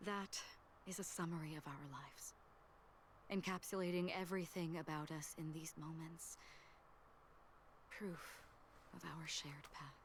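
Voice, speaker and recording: A woman voicing a gentle young woman who narrates a farewell in soft, breathy game narration, hushed and half-whispered. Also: deep voice, steady tone, unhurried, a little hiss or hum. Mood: wistful.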